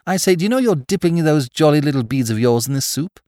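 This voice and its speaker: A man voicing a polite, dryly amused aristocratic gentleman in a storybook reading. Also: fairly high pitch, animated, fast, dry recording, studio quality, voice pushed up, lightly acted. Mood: wry. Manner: courteous, wry.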